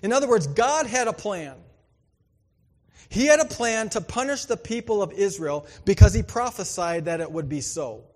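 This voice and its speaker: A male pastor preaching a conversational sermon, swinging from emphatic bursts to hushed asides. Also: sits high, animated, moderate pace, long reverb tail.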